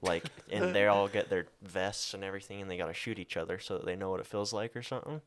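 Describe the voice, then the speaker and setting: A man's voice: low-pitched, fairly even intonation, quick pace. A man co-hosting a podcast, chatting casually about a book and rambling, hedging with "like". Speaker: podcast co-host. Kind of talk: casual book discussion chat.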